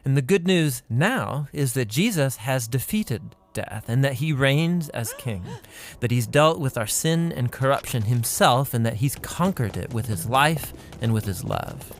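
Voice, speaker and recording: Expressive and a little slow, this man's mid-range voice carries scripted but conversational explanations with emphatic phrasing. He co-hosts an educational Bible video series, and a clear music bed plays behind him.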